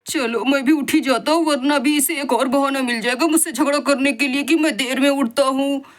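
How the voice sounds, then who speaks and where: A woman's voice: high voice, steady tone, brisk, close to an everyday voice. A woman doing a sleepy, grumbling husband. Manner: drowsy, grumbling. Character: sleepy, lazy grown husband.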